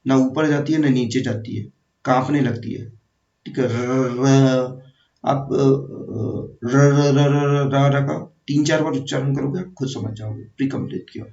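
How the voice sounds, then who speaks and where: A man teaching an exam-prep grammar lesson, repeating terms slowly and quizzing the viewer. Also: medium pitch, a little mellow. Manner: slow, repetitive, quizzing the viewer. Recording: echoey, distant, dull room sound.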